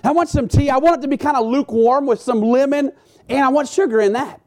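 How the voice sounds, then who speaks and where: A preacher voicing a fussy grumpy old husband. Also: male voice, very high voice, quick pace, a little mellow. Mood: demanding. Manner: demanding, fussy.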